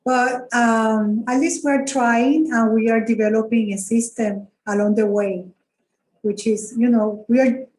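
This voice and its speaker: A woman from Rico, a guest in a conversation on a video call, speaking thoughtfully and hesitantly with soft laughs. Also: on the high side, steady tone, unhurried, low-quality recording. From Puerto Rico. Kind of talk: conversational interview.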